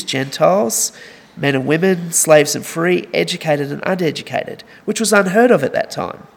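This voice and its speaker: A man's voice: high-pitched, gravelly. A young man preaching a sermon in an earnest, conversational way, mixing scripture with stories.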